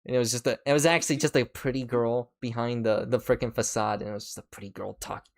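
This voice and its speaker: Excitable rambling male streamer. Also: medium pitch, quick pace, vocal fry. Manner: excitable, swears, rambling restarts. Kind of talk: casual reaction stream chat.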